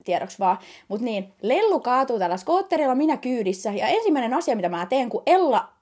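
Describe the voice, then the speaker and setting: A woman's voice: fairly high pitch, very animated, darkish tone. A young woman with a Finnish accent co-hosting a podcast, telling a story with lots of giggling. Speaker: podcast co-host. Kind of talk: casual storytelling chat.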